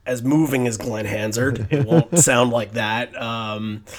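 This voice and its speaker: A man's voice: medium pitch, slow pace. Rambling man hosting a podcast. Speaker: podcast host. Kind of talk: casual chat.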